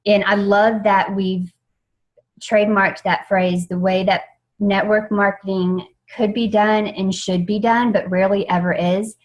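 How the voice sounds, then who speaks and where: A woman's voice: medium pitch, flat delivery, measured pace, highs cut off. A young woman leading an informal team training in an eager, chatty way, with lots of fillers and restarts. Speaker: network marketing team trainer.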